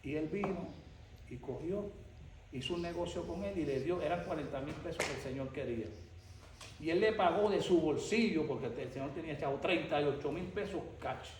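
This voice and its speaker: A man's voice: fairly high pitch, fairly quick, darkish tone. An older man, a pastor, telling a testimony in an emphatic storytelling sermon. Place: church sanctuary. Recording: echoey church from far off, noisy.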